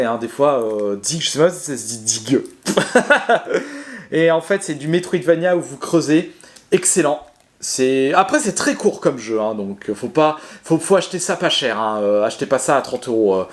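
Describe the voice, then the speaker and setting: Chatty French-speaking man full of fillers. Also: fairly high pitch. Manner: chatty, hesitant, lots of fillers and restarts; self-mocking, laughs at himself. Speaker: gaming video creator. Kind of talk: casual talk to camera.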